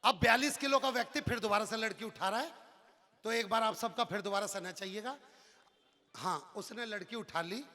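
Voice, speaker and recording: A man tells a comic story from a poetry stage, acting out each character as he goes. His voice sits very high and bright. The sound carries a long reverb from the live hall. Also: normal speed. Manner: lively storyteller acting out many characters, shouting punchlines. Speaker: comic poet.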